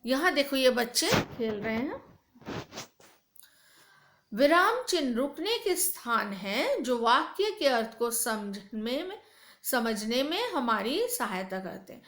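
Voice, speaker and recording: A woman's voice: on the high side, very animated, slow, a bit bright, reverberant. A woman teacher explaining a lesson to children in a patient, repetitive way. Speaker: school teacher.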